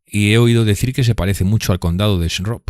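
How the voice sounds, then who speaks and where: A man's voice: fairly low pitch, a little fast, a little mellow, no echo, clean studio sound, close to an everyday voice. Brief: a stiff, prideful young man in a storybook, clipped and bristling replies, as a male narrator reads him. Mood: curt. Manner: curt, terse, bristling. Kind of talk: audiobook dialogue.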